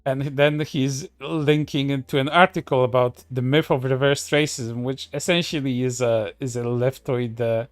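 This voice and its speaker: A man's voice: medium pitch, steady tone, moderate pace, hardly any pauses, dry recording, soft background music. A man commenting on online posts in a sarcastic, profane way, with many fillers and restarts. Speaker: streamer.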